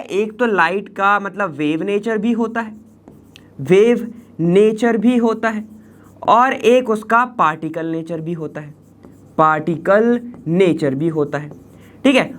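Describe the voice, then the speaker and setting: A man's voice: sits high, fairly bright tone. A man teaching an online chemistry lesson in casual Hindi mixed with English terms. He explains step by step, keeps checking in with "ठीक है" and asks questions aloud. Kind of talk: online exam-prep lesson.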